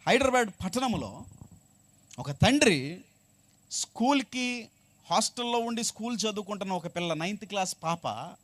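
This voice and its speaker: A high-pitched man preaches a sermon. He keeps putting questions to the congregation and having them answer back, and he swings between quiet talk and loud, forceful emphasis. The recording is close and dry, with almost no room sound. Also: no echo. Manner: call-and-response preaching, asks the congregation to repeat. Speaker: pastor.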